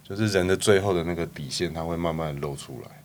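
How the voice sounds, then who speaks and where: Deep fast-talking man telling bar stories. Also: slight background noise. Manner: animated storyteller, acts out customers' lines. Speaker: bar founder, guest. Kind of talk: casual storytelling interview.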